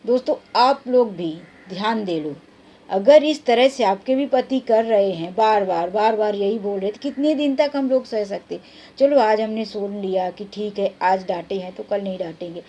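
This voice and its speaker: A woman's voice: a little high, expressive, normal speed, mellow. A woman vlogger in her thirties giving earnest, plainspoken advice straight to camera. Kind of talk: advice vlog talking to camera.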